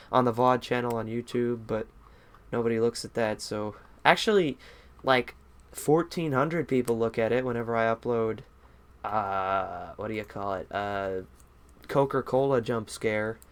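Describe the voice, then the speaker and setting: A man's voice: medium pitch, unhurried, clean tone. Rambling young male streamer. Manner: rambling, self-deprecating. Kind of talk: casual game stream commentary.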